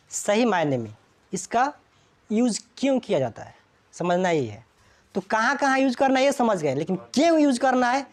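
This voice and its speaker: A woman teaching English grammar to a classroom, constantly checking whether students follow. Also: on the high side.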